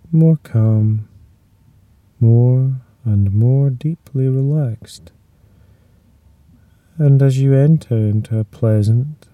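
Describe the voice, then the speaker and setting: A man leading a guided muscular relaxation, speaking in a slow, soothing way that sometimes drops to a whisper. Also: medium pitch, mellow, no echo, far from the mic.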